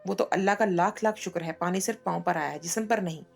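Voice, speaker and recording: A woman voicing a caring, fussing older mother figure in a read-aloud story, with a gravelly voice. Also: lowish voice, quick pace, soft background music. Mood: soothing. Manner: fussing, affectionate, worried.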